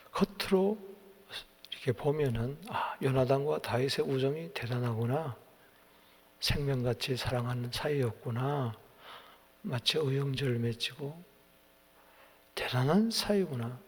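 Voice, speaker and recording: A male pastor giving an early-morning sermon, retelling the story in a lively, dramatic way. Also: mid-range voice, measured pace, pauses often, breathy edge. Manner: animated storytelling, acts out quotes. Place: church sanctuary. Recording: long hall reverb.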